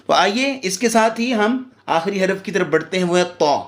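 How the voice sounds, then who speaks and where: A man teaching Quran recitation, drilling each syllable slowly and deliberately. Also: high-pitched, expressive, reverberant. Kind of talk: tajweed lesson with drilled syllables.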